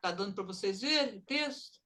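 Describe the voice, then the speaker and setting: A woman teaching English in an online class, explaining slowly and mixing English phrases into her talk over a video call. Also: medium pitch, expressive, bright, forceful tone.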